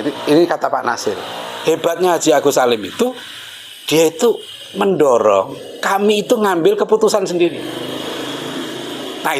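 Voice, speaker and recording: A middle-aged man telling stories in a casual talk, animated and laughing, acting out the voices of the people he quotes. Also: fairly high pitch, a little hiss or hum. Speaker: speaker.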